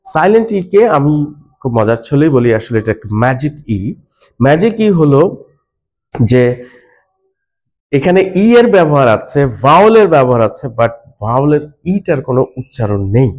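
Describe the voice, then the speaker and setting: Male teacher, mid-pitched voice, patient classroom explainer who spells words out. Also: sing-song, moderate pace, long pauses, a little mellow. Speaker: English teacher. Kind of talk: phonics lesson explained to learners.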